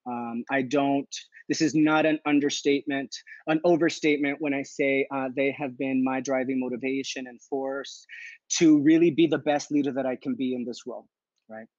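Speaking through earbuds on a video call from a plant-filled room at home, a man in his thirties who works as a program director answers interview questions with thoughtful earnestness, peppering his speech with "uh" and "right?". His mid-range voice is darkish, fairly even and at normal speed, and the audio is dull and dry with no room sound.

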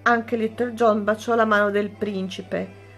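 A woman teacher reading a children's story aloud, slow and clear. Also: mid-range voice, steady tone, fairly bright tone, soft background music.

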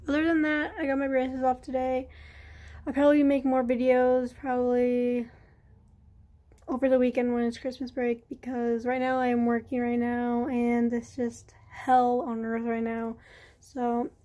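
High-voiced young woman, slight retainer lisp. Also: monotone, unhurried, dark tone. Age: young adult. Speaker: vlogger. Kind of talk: casual vlog chat. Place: rooms at home. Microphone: phone at arm's length. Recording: faint room noise, phone recording.

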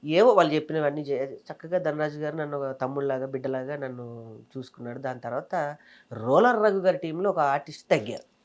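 A man in his thirties from Telangana, a comedian and mimicry artist, telling his career story in a casual interview with fast, animated delivery. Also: fairly high pitch, dull audio. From Telangana, India.

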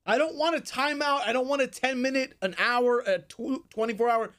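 Young guy streamer raging and yelling at chat, swears a lot, voice way high. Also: normal speed. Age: young adult. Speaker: livestream host. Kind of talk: ranting to livestream chat. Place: small bedroom streaming setup, indoors.

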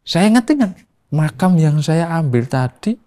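A man's voice: a little high, a little slow. A man from Solo, a spiritual teacher telling stories as an interview guest, acting out dialogue and sound effects. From Solo, Central Java. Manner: acts out dialogue and sound effects, lively storyteller. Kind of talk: animated storytelling in a talk show interview.

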